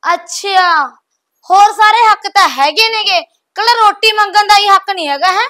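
A woman's voice: extremely high pitch, normal speed, sharp tone. A woman with a Punjabi accent playing a resentful young wife who bickers sarcastically. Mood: sarcastic. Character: resentful young wife jealous of her sister-in-law. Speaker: wife and daughter-in-law.

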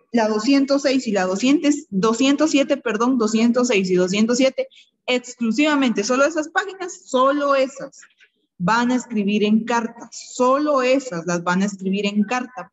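Woman teacher, classroom dictation, very slow pace, repeats words, dull muffled recording. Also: a little high. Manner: dictates word by word, repeating and spelling out accents.

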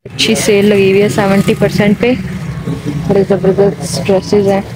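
A woman's voice: medium pitch, little pitch movement, moderate pace. A mother vlogging casually on her phone while out shopping, chatting to the people around her and to her viewers. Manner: chatty, addresses viewers as guys. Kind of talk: casual vlog chat. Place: shops and homes, with street noise. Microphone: handheld phone camera. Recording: loud street and traffic noise.

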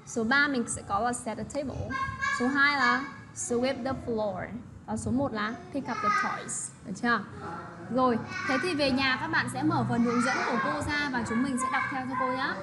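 A woman teaching English words to children, repeating phrases slowly and checking in often with tag questions. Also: sits high. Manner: patient, slow model pronunciation with tag questions. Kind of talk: English lesson for children, explained in another language. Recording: steady background noise.

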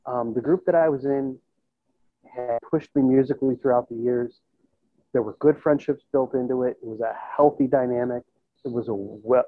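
A musician and band teacher in his thirties reflects in a casual interview, thinking aloud conversationally and checking in with "you know" and "right?". His mid-range voice has no echo. He's indoors in a plain room on a video call via an earbud headset, so the audio is tinny and band-limited.

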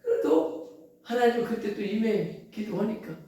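A man's voice: sits high, animated, unhurried, warm tone. Echoey distant Korean man preaching. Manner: emphatic preaching, quoting scripture, rhetorical questions to congregation. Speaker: pastor. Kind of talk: sermon. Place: church sanctuary. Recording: very echoey church from far off.

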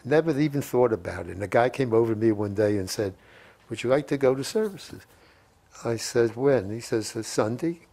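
A man's voice: mid-range voice, expressive, a little fast, vocal fry, warm tone. A man in his eighties telling rambling anecdotes in an interview, repeating phrases and quoting old conversations as he goes. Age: 80s. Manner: rambling, repeats phrases, quotes remembered dialogue. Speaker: WWII veteran being interviewed. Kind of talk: reminiscing, anecdotal interview storytelling. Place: living room at home. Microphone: lapel mic.

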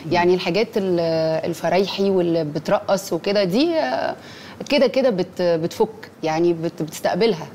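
A woman's voice: lowish voice, fairly quick, a little mellow, a little hiss or hum. A woman with an Egyptian accent, a singer chatting as a guest in an interview. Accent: Egyptian Arabic. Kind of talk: casual interview chat.

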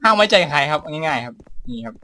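Man, gaming commentary, loud, swears a lot, lively pitch swings, faint background noise. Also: quick pace. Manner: loud, excitable, swears a lot, cries out in alarm. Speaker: gaming channel host. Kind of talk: let's play commentary with friends. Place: room full of players.

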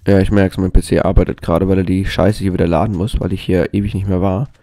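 A man's voice: low-pitched, level tone, fast, warm tone, no room sound, clean studio sound. A man giving casual gameplay commentary, hyper and jokey, rambling to himself. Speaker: let's play gamer.

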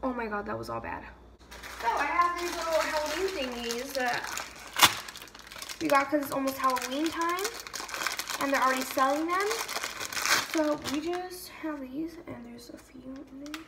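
A young woman vlogs while baking in her home kitchen, chatting casually, joking at her own expense and saying "like" and "um" a lot. Her voice is high, her pace moderate, and she pauses often. The camera mic is sometimes across the room, so the sound is roomy, off-mic and very noisy.

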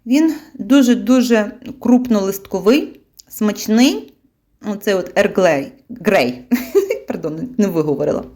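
A woman's voice: mid-range voice, sing-song, unhurried, warm tone. A woman vlogger chats away as she unpacks her weekly groceries. She talks in an easy, informal way and fills her speech with fillers and little laughs. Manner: chatty, with frequent fillers and laughs. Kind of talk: casual chat.

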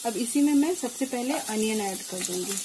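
An animated, high-voiced woman teaches a recipe at normal speed for her cooking channel, giving instructions step by step and mixing in English. Kitchen noise of food sizzling and being stirred comes through clearly.

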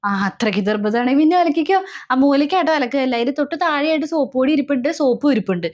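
A woman's voice: high-pitched, expressive, very fast, muffled recording. Woman doing a grumbling scheming aunt. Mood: bossy. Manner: grumbling, bossy. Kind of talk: comic family skit.

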